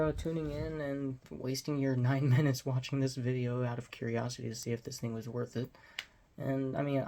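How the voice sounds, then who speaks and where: A man in his forties from Texas vlogs casually from a small room at home, speaking close to a phone or webcam. His medium-pitched voice has a darkish tone, and the recording carries a slight hiss or hum. He rambles and is self-deprecating, at times going almost to a whisper.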